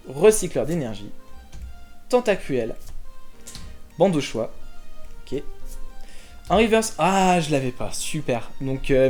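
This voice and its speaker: A man's voice: on the high side, a little mellow. A man hosting his own collector channel, chatting casually to viewers as he opens trading card packs, with many fillers and a friendly direct address. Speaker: YouTube collector channel host.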